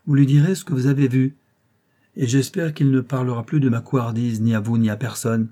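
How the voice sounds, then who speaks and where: A man's voice: medium pitch, fairly even intonation, brisk, mellow, lightly acted. A man reading a novel aloud and voicing a proud, strong-willed young actress who speaks curtly and with command. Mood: defiant. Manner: curt, commanding, defiant.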